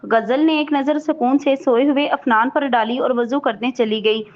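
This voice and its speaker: A woman with a high voice narrates a novel in a steady, even way, as in scripted audio storytelling. The recording sounds dull and lo-fi. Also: measured pace.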